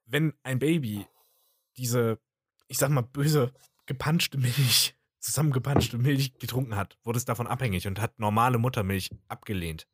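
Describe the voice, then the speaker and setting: A man's voice: medium pitch, normal speed, dry recording, studio quality. A man chatting casually, blunt and opinionated with wry asides. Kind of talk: casual chat.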